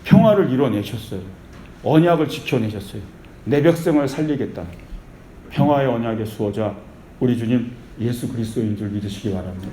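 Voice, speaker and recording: A male pastor delivers an animated sermon, mixing preaching with storytelling. His voice is mellow and dark, heard in an echoey church sanctuary with a faint hiss behind it. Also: medium pitch, quick pace. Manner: animated storytelling with repeated calls of faith.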